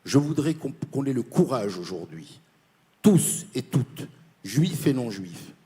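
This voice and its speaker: Man from Morocco, community leader on a panel, earnest and insistent, formal speech, mid-pitched voice. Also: big pitch swings, slow pace, dark tone. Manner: earnest and insistent, repeating key points. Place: conference panel.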